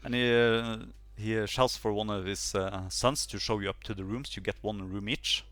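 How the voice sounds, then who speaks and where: A man narrating a tabletop game as game master, halting with many fillers. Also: on the low side, steady tone, a bit bright, no room sound. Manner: hesitant, many fillers, laughs often.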